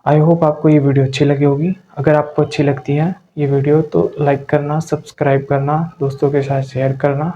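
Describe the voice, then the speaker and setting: A man teaching English pronunciation in a video lesson. He sounds out each vowel slowly and keeps asking the listener questions to check they follow. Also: on the high side, little pitch movement, warm tone, rough recording.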